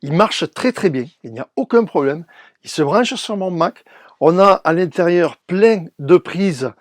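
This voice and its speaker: A man with a Toulouse accent, his voice nasal and stuffy from a cold. He chats casually as he shows his DJ equipment, pausing often. His voice sits a little high and sounds dry and close to the mic. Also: lively intonation, no echo. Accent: Toulouse, southern French. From Toulouse, France. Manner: chatty, demonstrative, frequent hesitations. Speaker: DJ and YouTuber. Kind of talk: casual tutorial vlog.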